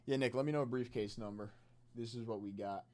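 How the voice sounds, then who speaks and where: A man's voice: medium pitch, a little fast, darkish tone. A man hosting a live card-break stream, chatting off the cuff with viewers and hyping the spots on offer in a casual sales style. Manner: off-the-cuff, chatting with viewers between spot counts.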